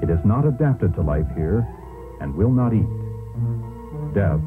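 Very deep guy doing solemn nature narration, thin worn tape sound, music under it. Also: sing-song, unhurried, phone-quality sound. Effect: worn VHS tape copy. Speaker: documentary narrator. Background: music score.

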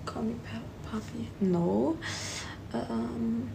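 A woman's voice: a little high, extremely slow, gravelly, noisy background. A woman of twenty-two, born in Afghanistan, chatting casually on a phone livestream, reading out viewer comments and answering them. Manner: chatty, switches between German and English, reads comments aloud and answers. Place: indoor room at home. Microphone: phone held close, front camera.

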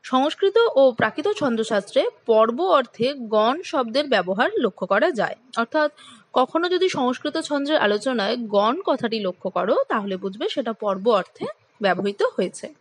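Woman teacher, high-pitched, clear and explanatory exam-prep lecture style. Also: lively intonation, normal speed. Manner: clear, explanatory, addresses students directly.

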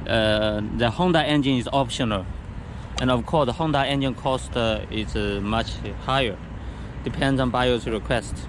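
Guy slowly walking thru a go kart outside, lots of uhs and restarts, noisy outdoor camera audio. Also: mid-range voice. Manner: halting non-native English with many fillers and restarts. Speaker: factory sales rep showing a go kart. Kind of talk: product walkthrough. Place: outdoors beside go karts on pavement.

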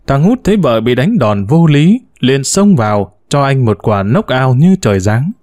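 A man narrating a novel aloud in a vivid, expressive storytelling manner. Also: medium pitch, normal speed, no room sound, clean studio sound.

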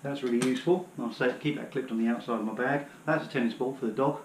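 A thirty-something British vlogger kneels on his living room floor demonstrating his hiking gear in a casual, rambling way, with fillers throughout. He talks fast at a medium pitch. Captured by a floor camera a few metres away, the sound is reverberant and very noisy.

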